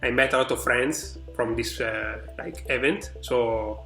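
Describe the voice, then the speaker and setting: A man's voice: medium pitch, unhurried, faint music behind. Podcast host man in a roomy echo. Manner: non-native phrasing, soft trailing asides. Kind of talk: hosting an interview podcast.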